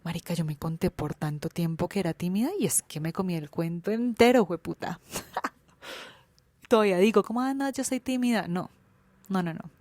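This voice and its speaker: A woman's voice: lowish voice, moderate pace, darkish tone, no room sound. A young Colombian woman with a Colombian accent, speaking candidly and colloquially in a reflective personal monologue as a podcast host, swearing freely.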